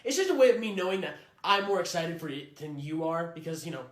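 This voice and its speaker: A man's voice: fairly high pitch, lively intonation, fast, fairly bright tone, roomy sound. A man playing a condescending male gamer customer, muttering and patronizing. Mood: smug.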